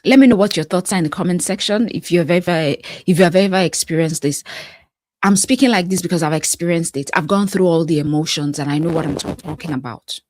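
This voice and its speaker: A woman's voice: fairly low pitch, fast, a little mellow. A woman life coach giving an emphatic motivational talk, repeating phrases with a preacher-like cadence and sometimes dropping to a whisper.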